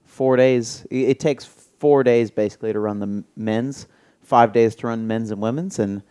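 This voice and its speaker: A man's voice: medium pitch, moderate pace, mellow, clean tone. Enthusiastic man breaking down a surf event. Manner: enthusiastic, explains points in order. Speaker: podcast co-host. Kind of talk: casual chat.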